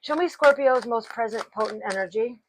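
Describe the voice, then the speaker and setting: A woman giving a tarot reading, speaking slowly and deliberately and clearing her throat now and then. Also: fairly high pitch, a little hiss or hum, poor audio. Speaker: tarot reader.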